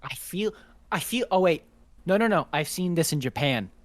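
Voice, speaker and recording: A man's voice: a little high, animated, moderate pace, no room sound. A man co-hosting a podcast in casual chat, who laughs often and swears casually. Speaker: podcast co-host.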